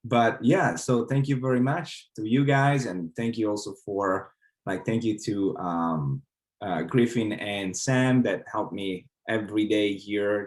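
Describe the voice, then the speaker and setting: A man with a thick Italian accent, a coding bootcamp instructor giving halting, grateful closing remarks to his class. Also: on the low side, poor audio. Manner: halting, many fillers, grateful.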